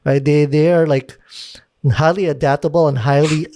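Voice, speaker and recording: Chatting casually on a podcast, a man speaks in an animated way, his pitch rising whenever he drives a point home, and he swears a bit now and then. He keeps a moderate pace, with a slight hiss or hum in the recording.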